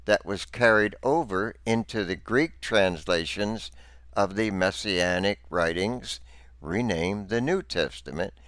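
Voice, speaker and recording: A man reads religious teaching from a script in a low, resonant, slightly bright voice. He speaks slowly and deliberately, with a formal, didactic manner. The recording is dry, clean and smooth.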